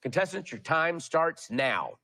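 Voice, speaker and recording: A man's voice: on the high side, very animated, a little slow, sharp tone, no echo, studio quality. A man hosting a television quiz show, reading questions and teasing contestants playfully. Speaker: game show host.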